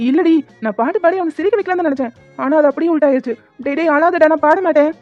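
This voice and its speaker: A woman's voice: sits high, very fast, soft background music, lightly acted. A woman voicing a playful young uncle in a cartoon who sings badly and jokes around with the family. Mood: flustered. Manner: teasing, joking. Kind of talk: cartoon voice acting. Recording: dull lo-fi recording.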